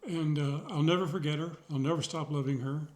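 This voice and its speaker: A middle-aged man talking slowly and sincerely in a personal video journal, pausing often with fillers and a dry joke now and then. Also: fairly high pitch, fairly even intonation. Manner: rambling, pausing, many fillers; sincere, reflective, wry. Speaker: vlogger.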